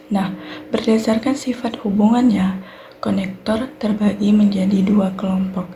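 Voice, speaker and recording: A young woman with an Indonesian accent, a university student giving a clear, methodical recorded class presentation on sentence structure. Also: mid-range voice, mellow, a little hiss or hum. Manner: clear explanatory delivery, fillers like "nah" and "baik".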